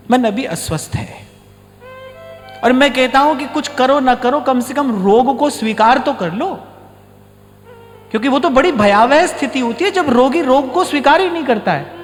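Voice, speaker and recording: Male spiritual teacher, high voice, storytelling sermon in a reverberant hall with soft music. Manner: storytelling, acts out short dialogues. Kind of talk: devotional discourse. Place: ashram hall.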